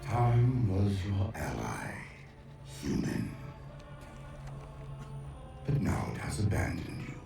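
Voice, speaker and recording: An actor playing an ancient, vengeful male alien warlord, speaking in grandiose, contemptuous pronouncements with a deep, slow, menacing voice. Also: big pitch swings, vocal fry, music in the background, heavily acted. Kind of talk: video game cutscene acting. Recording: cavernous echo, distant, under loud score.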